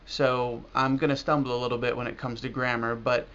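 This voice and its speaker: An American man, a language learner, talks casually and reflectively to camera about learning in a video blog, halting now and then with pauses. His mid-range voice is level and a bit bright, captured in dull lo-fi audio with clear noise.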